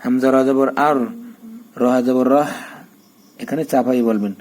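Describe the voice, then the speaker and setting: A man teaching the spelling of the Quran, drilling letters and vowel marks and then chanting each verse slowly. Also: medium pitch, steady tone, darkish tone. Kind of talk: spelling lesson in Quran recitation.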